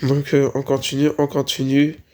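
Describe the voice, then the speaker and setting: A Minecraft tutorial creator, a bit sick and sneezing, talks hesitantly through a laid-back build, falling back on "voilà" and "on continue" over and over. The medium-pitched delivery is completely flat, moderately paced and darkish, with a slight hiss or hum in the recording.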